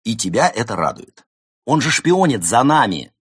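A man's voice: fairly low pitch, very animated, a little fast, slightly rough, no room sound, clean studio sound, voice pushed up. A man doing a grumpy, sarcastic cat. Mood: outraged. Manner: exasperated, loud, sarcastic. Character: irritable, sarcastic male cat. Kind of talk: audiobook character voice.

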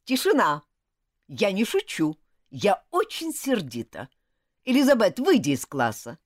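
A woman's voice: mid-range voice, wildly swooping pitch, a little slow, no room sound, studio quality. A woman voicing a fierce, scolding schoolteacher. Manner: sharp scolding, loud and cutting. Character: strict, quick-tempered female French schoolteacher. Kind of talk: audiobook character voice.

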